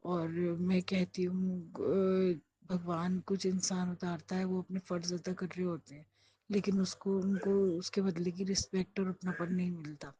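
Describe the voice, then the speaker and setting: A woman's voice: on the low side, level tone, a little slow, mellow, low-quality recording. A middle-aged woman speaking a personal prayer, earnest and pleading as she asks for guidance for her children. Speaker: devotee praying aloud.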